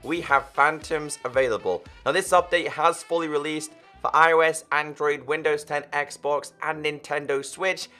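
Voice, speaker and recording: Husky-voiced energetic gaming YouTuber man. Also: fairly high pitch, faint music behind. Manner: upbeat, quick, chatty. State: losing his voice, husky. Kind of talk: energetic game update walkthrough.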